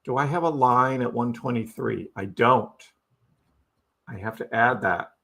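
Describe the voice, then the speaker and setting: A man's voice: mid-range voice, measured pace, vocal fry, bright, forceful tone. A man hosting a live crypto stream, giving casual chart commentary and asking his audience rhetorical questions. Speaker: crypto livestream host.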